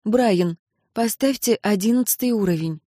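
Hoarse stubborn emperor barking orders thru pain, woman reader voicing him. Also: medium pitch, moderate pace, dark tone, no echo, studio quality, lightly acted. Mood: commanding. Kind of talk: audiobook character voice.

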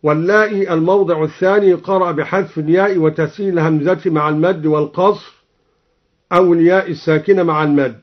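High-pitched guy explaining readings formally, chants the examples slow, dull old radio recording sound. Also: fairly even intonation. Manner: measured, deliberate delivery, slowing into melodic chant for examples. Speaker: presenter explaining recitation readings.

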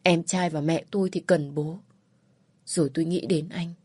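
Husky, dark-voiced woman narrating a sad story. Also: low voice, fairly even intonation, no echo. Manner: slow, sorrowful reading. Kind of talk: scripted first-person story narration. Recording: dry close voice over faint music.

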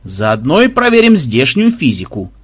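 A man voicing a gruff, grumbling older grandfather who is a soldier, in an audiobook. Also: mid-range voice, wildly swooping pitch, moderate pace. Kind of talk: audiobook voice acting.

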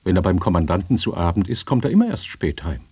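A man's voice: deep voice, very animated, quick pace, darkish tone, slightly rough, no room sound, full character voice. A man voicing a brave young forester's daughter, speaking firmly and plainly. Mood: resolute. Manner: firm, plain-spoken.

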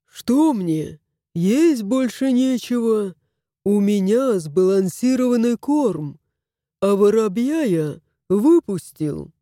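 A woman's voice: mid-range voice, animated, takes it slowly, warm tone, no room sound, clean studio sound. A woman voicing a grumpy, touchy male house cat in a storybook reading, sulky and grumbling.

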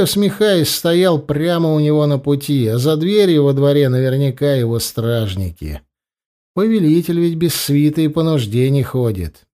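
A man narrating a fantasy audiobook in an expressive storytelling manner. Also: mid-range voice. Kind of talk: scripted narration.

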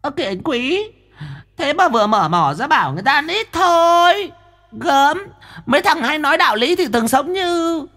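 A greedy young female spirit in a told ghost story, whispering her schemes in a thin, very high voice. She speaks with a wheedling, giggly manner, as a man puts her on. The voice sits far above the teller's own. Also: very animated, normal speed, pushed and bright, exaggerated voice. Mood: mocking.

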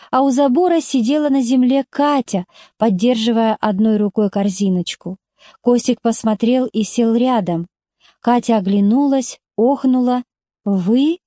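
Woman reading a story, mellow voice. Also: a little high, no echo, studio quality. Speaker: reader. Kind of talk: audiobook narration.

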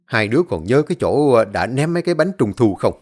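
A man playing a stern old exorcist who gives gruff, commanding orders. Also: medium pitch, very animated, brisk, darkish tone. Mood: calm. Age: older. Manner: commanding, scolding.

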